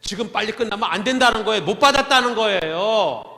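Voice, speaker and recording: A middle-aged male pastor preaching a testimony sermon, telling his stories with animated, exclamatory asides. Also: high-pitched, fast talker, reverberant, in a large hall.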